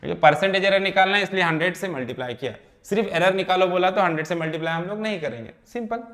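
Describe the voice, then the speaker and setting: Man, physics teacher, slightly high voice, crisp bright tone, step-by-step lesson. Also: very fast. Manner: repeats and checks in with "है ना" and "ठीक है". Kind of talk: step-by-step problem solving lesson.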